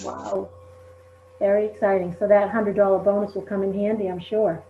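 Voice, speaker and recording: A woman's voice: medium pitch, little pitch movement, normal speed, a little hiss or hum. A woman leading a team recognition call, speaking conversationally and peppering her talk with "you know". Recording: tinny phone line.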